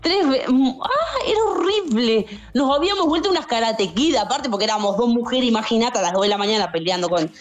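Talking fast with few pauses, a young stand-up comic tells funny stories as a guest in a casual podcast chat, faint music playing in the background. She animatedly plays the customers in high, shouting voices.

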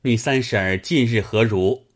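A man's voice: mid-range voice, moderate pace, close to an everyday voice. A man voicing a lovestruck, hot-tempered young male scholar who speaks in an anguished, demanding way. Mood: distraught.

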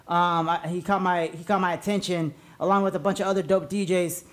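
A man's voice: high-pitched, fairly even intonation, brisk. A man hosting a podcast in casual, rambling chat, informal and full of slang. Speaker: podcast host.

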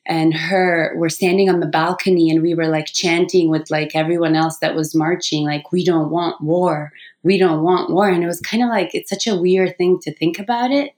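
A woman's voice: fairly low pitch, fairly even intonation, a little fast, hardly any pauses, a little mellow. A woman, telling her personal story informally as an interview guest. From Bosnia, born in Sarajevo. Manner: informal, peppers speech with "like". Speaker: podcast guest, yoga teacher.

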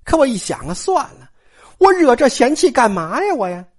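A storyteller voicing a shrewd, sharp-tongued noble lady who drawls and complains. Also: high voice, big pitch swings, normal speed. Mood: complaining.

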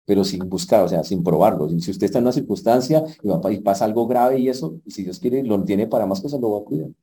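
A man preacher, giving a direct, humorous sermon with sharp swings in loudness. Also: on the low side, fast, low-quality recording.

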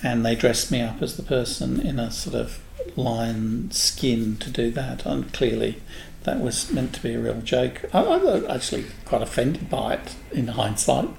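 Older english guy telling stories in an interview, kinda gravelly, echoey room, faint hiss. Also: mid-range voice, very animated, darkish tone. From England. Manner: unhurried, anecdotal storyteller. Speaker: interview guest. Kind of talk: reminiscing in a casual interview.

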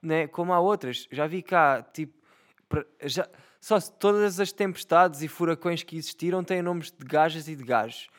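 A man's voice: a little high, normal speed. A young man with a European Portuguese accent, casually ranting and telling a rambling, profane story as a vlogger. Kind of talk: casual rant to camera.

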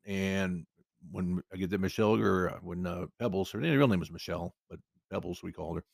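Gravelly-voiced guy telling a long story on his podcast, rambly, keeps restarting, dry close sound. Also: low voice, fairly quick, no room sound. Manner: rambling, conversational, with frequent restarts. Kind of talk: casual personal storytelling.

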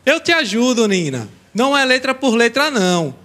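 A cheerful, helpful schoolboy, voiced by a man in a children's audio lesson. His voice is high and lively and leaps up and down. The tone is bright, with faint music underneath. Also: moderate pace, full character voice. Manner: cheerful, helpful, explains patiently. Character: helpful young schoolboy Joaquim. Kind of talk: children's educational audio drama.

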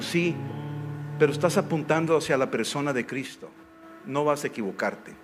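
A pastor delivers a lively sermon, firing question after question at his congregation. His voice sits at an ordinary middle pitch for a man. A faint hiss of noise runs under the church recording. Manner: animated preaching with many rhetorical questions. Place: church service.

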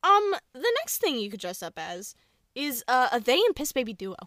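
Bright-voiced young woman, playful podcast host. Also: sits high, very animated, moderate pace, no room sound, studio quality. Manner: playful, teasing, bursts into laughter. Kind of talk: casual podcast chat.

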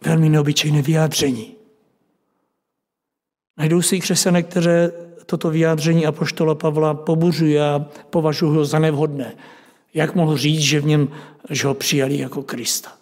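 High-voiced preacher in an echoing hall. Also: male voice, level tone, darkish tone. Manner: reads scripture aloud with rising emphasis; asks the listeners questions. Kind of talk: Bible study sermon. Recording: long hall reverb.

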